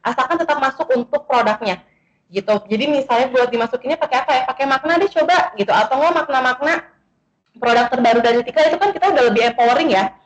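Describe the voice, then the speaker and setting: A woman speaking as the guest content creator in an online sharing session, chatty and animated, with many fillers. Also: sits high, fast, reverberant, lo-fi sound.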